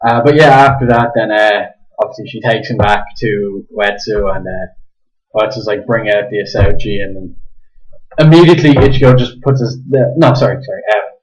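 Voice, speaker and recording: A young man with an Irish accent, slightly drunk, rambling casually through a review, swearing and correcting himself while keeping his voice down in a kitchen. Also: lowish voice. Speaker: manga reviewer. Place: home kitchen at night. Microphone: webcam microphone. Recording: dull lo-fi webcam audio.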